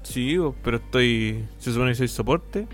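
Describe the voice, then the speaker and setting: A man's voice: medium pitch, normal speed, soft background music. A young man with a Chilean accent co-hosting a podcast, talking in a laid-back, slangy way. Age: young adult. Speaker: podcast co-host. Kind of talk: casual podcast chat.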